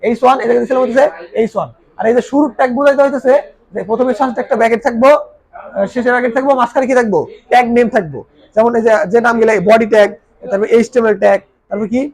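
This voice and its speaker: A man's voice: very high-pitched, fairly even intonation, very fast, a little mellow. A male teacher, giving a recorded class lecture and answering his own questions. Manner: quizzing questions he answers himself.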